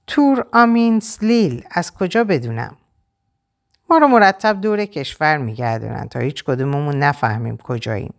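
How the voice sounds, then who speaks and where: A woman's voice: low voice, lively intonation, vocal fry. A woman voicing a bitter, weary French prisoner. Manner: bitter, resigned.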